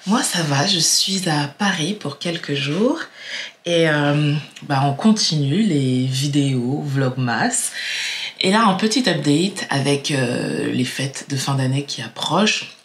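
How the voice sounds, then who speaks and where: A woman's voice: deep voice, expressive, slow, slight background noise. A young woman from Martinique talking to camera in a casual, reflective vlog, chatty and musing, with many fillers and repeated words. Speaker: vlogger.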